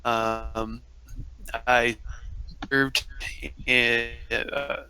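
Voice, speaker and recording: A man on an online voice call whose voice arrives robotic and glitching, with a very bright, tense edge. He talks slowly in a halting, stop-start way. A faint hiss of noise sits behind him. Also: medium pitch, little pitch movement. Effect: robotic, glitching voice-chat distortion. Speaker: tabletop game player. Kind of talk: casual introduction over a voice call.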